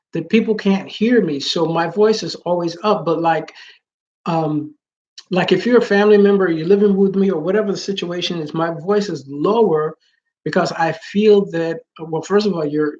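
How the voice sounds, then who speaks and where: The recording is muffled. A loud male vlogger with a naturally high voice rambles casually to his live viewers, with frequent fillers and false starts.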